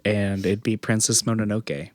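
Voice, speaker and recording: Man, low voice, casual podcast co-host, loose rambling delivery full of fillers, dry close sound. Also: flat delivery, moderate pace, no echo. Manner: rambling, many fillers and restarts. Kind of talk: casual chat.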